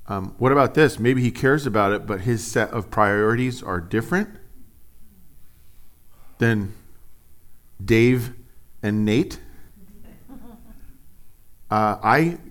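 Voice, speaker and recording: A man's voice: on the low side, takes it slowly, pauses often, a bit bright. Joking man preaching a sermon. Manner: conversational, jokey, full of rhetorical questions. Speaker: pastor.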